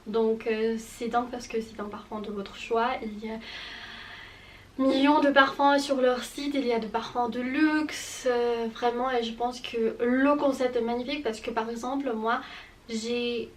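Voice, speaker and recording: A woman talking softly, as if right in your ear, in a casual ASMR vlog. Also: a little high, fairly even intonation, unhurried, distant mic, a little hiss or hum. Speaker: YouTuber presenting perfumes on her channel. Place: bedroom.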